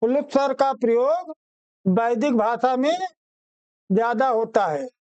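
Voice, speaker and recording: A male teacher with a high voice and a smooth, clear tone gives an exam-prep grammar lesson. He speaks slowly and says each phrase twice, as if dictating to a class of students he calls children. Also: a little mellow, dry recording, dull audio.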